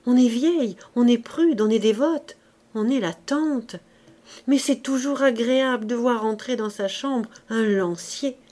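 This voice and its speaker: A woman reading a classic novel aloud as an audiobook, in a measured, expressive style. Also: a little high. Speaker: audiobook reader. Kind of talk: literary audiobook narration.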